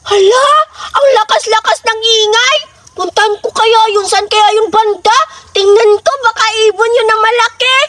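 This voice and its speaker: A woman voicing an excitable young girl in a cartoon who keeps exclaiming. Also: very high-pitched, moderate pace. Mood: curious. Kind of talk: cartoon voice acting.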